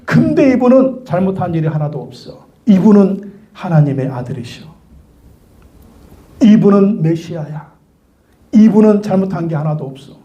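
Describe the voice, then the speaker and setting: A man's voice: high-pitched, expressive, moderate pace, pauses often, warm tone, muffled recording. A man voicing a repentant condemned thief speaking earnestly. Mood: rebuking. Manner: earnest, rebuking.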